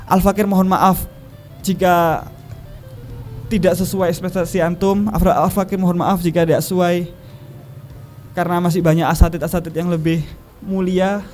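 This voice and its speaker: A male preacher with a fairly high voice gives an emphatic sermon and tells stories as he goes. He speaks to a religious gathering, with faint music in the background. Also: darkish tone. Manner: storytelling, emphatic.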